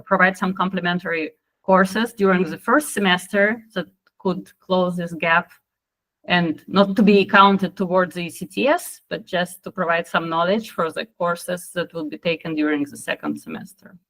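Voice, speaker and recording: Woman presenter, lower-pitched voice, measured, hesitant, online talk. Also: steady tone, fairly bright tone, poor audio. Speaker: program presenter.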